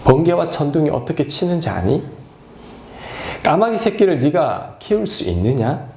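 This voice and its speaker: A stern almighty God, rough at the edges, presses one challenging question after another with a rising, insistent lilt, voiced by a male preacher. The voice rings through an echoey church sanctuary. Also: on the high side, big pitch swings, darkish tone, a little hiss or hum, pitched above the performer's own voice. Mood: demanding. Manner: demanding, rapid-fire rhetorical questions.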